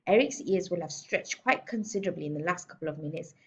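Reading a children's storybook aloud, a woman voices a domineering, bullying headmistress who is loud and contemptuous. In a fairly low, animated, fast voice, she barks, scolds and sneers insults with a smug, gloating mood. The recording is muffled, with a little hiss or hum.

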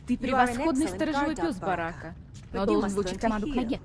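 A woman's voice: fairly high pitch, animated, quick pace, over a noisy crowd, natural voice. Actress as a cool, defiant woman warrior. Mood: cool, taunting. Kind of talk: dubbed video game acting.

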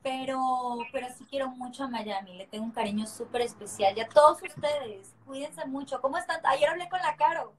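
A woman's voice: high voice, slight background noise, poor audio. A Mexican woman in her thirties hosting a live stream, chatting playfully and laughing often. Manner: playful, teasing, quick to laugh. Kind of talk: casual chat on a live video call.

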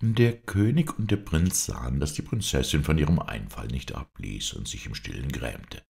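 Very deep gravelly storybook narrator. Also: male voice, moderate pace. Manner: expressive, dramatic reading. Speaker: audiobook reader.

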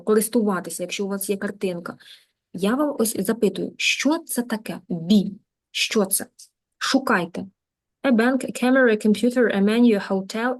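A Ukrainian woman teaching a beginner English class online, in a lively, coaxing manner, repeating words to drill pronunciation. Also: medium pitch. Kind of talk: live online lesson.

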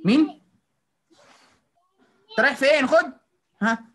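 This Egyptian-accented teacher's voice sits high and a bit bright, keeping a measured pace. She runs an online phonics class for children, coaxing them, praising them, and dropping in English words.

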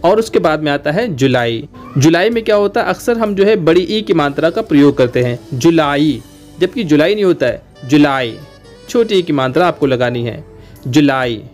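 A man's voice: on the high side, lively intonation, brisk, a little mellow, soft background music. A man, an English trainer teaching pronunciation in a video lesson, explaining patiently and repeating example words.

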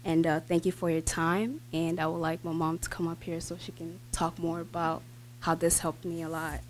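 There's background noise as a teenage girl with a fairly low voice and little pitch movement speaks at a moderate pace. She reads a prepared speech from notes at a school board meeting through a podium microphone, with fillers and restarts along the way.

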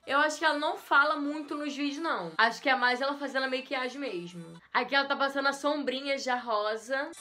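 A woman's voice: sits high, fast, hardly any pauses, bright, forceful tone, faint music behind. A young Brazilian woman hosting a reaction vlog, playful and self-mocking, with exaggerated intonation. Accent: Brazilian Portuguese. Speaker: youtuber host.

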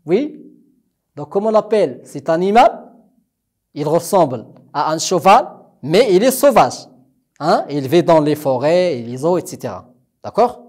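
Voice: mid-range voice, sing-song, measured pace, pauses often, a little mellow, slightly rough. A primary school French teacher, giving a recorded lesson and patiently repeating each word for the children to echo.

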